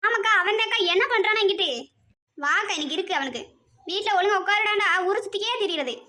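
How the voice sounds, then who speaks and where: A woman's voice: extremely high pitch, lively intonation, sharp tone, full character voice. A woman doing a scolding village mother. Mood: chatty. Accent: Tirunelveli Tamil. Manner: quick, scolding. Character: angry village farmhand mother.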